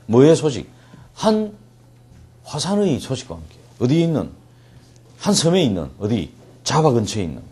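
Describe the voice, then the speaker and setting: A man's voice: mid-range voice, mellow, husky. A man teaching English reading in Korean, translating a story line by line and joking as he acts out scenes. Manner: jokey, acts out scenes with quick asides and laughs.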